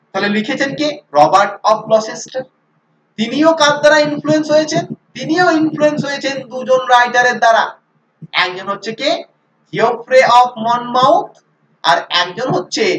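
Woman teacher quizzing and repeating, roomy echo. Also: medium pitch. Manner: asks questions then answers them, repeats key points. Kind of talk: lecture explaining literary history. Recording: roomy echo, mic at a distance.

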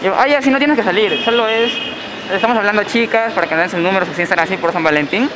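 A young man, vlogging and retelling street encounters in a quick, animated way, quoting what was said. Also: high-pitched. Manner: fast, animated retelling with quoted lines. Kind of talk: casual storytelling. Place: indoor shopping mall and supermarket. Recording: loud mall background noise.

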